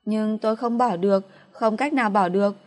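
A woman's voice: mid-range voice, normal speed, natural voice. A woman voicing a drunk, spoiled young woman who sulks and pleads in a slurred, petulant way. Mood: tearful.

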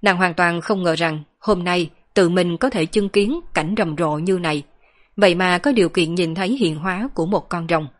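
A woman reading a fantasy novel aloud as an audiobook narrator, steady and even. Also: on the low side, normal speed. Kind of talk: scripted narration.

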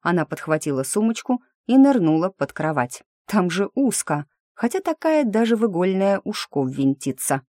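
A woman's voice: mid-range voice, sing-song, normal speed, hardly any pauses, warm tone, no room sound. A woman narrating a first-person audiobook in a dry, wry manner.

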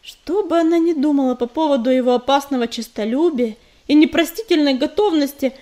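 A woman narrating an audiobook in an expressive storytelling voice. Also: high-pitched, brisk. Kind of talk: scripted narration.

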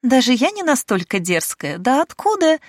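A woman voicing a cheeky, sharp-tongued young maidservant in an audiobook, with a mocking, teasing manner. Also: high-pitched, big pitch swings, moderate pace, no echo, studio quality, pitched above the performer's own voice. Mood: shrill.

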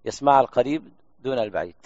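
Male reciter-teacher, mid pitch, slow demonstrations, dull dry recording. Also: animated, a little mellow, no room sound. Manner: slow drawn-out recitation of examples, then brisk explanation. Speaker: Quran reciter demonstrating readings.

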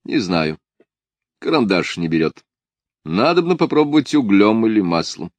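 Blunt mocking painter, gruff and animated, read by a male narrator; storybook, dry sound. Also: on the low side, normal speed, no echo, voice pushed up. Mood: sardonic. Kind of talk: audiobook character voice.

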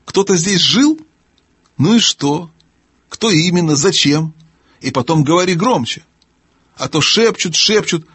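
A man doing a loud, deaf, grumpy old dwarf. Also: a little high, animated, a little slow, pauses often, slightly rough, no room sound, voice pushed up, exaggerated voice. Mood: cantankerous. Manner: loud, cantankerous, mishears and grumbles. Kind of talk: audiobook character voice.

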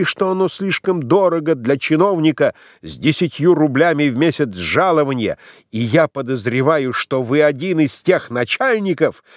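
A man reading a story aloud, voicing a drunk young male newspaper writer who shouts accusations in a fury. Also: fairly high pitch, no room sound, clean studio sound, voice pushed up.

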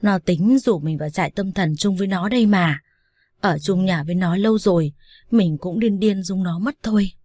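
A woman's voice: lowish voice, normal speed, dark tone, dry recording, close to an everyday voice. A woman reading as a curt, caring father-in-law. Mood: dry joking. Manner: curt, dryly joking. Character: gruff but caring middle-aged father-in-law.

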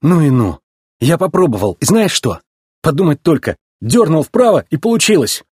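A man voicing an excitable young male race car who yelps when upset. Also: medium pitch, moderate pace, dry recording, clean studio sound, natural voice. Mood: excited.

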